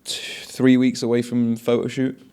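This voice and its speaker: A man's voice: medium pitch, monotone, moderate pace, mellow, clear, resonant tone. A man coaching and hosting a casual interview, rambling along with lots of "like" and "mate". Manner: chatty, rambling, peppered with "like" and "mate".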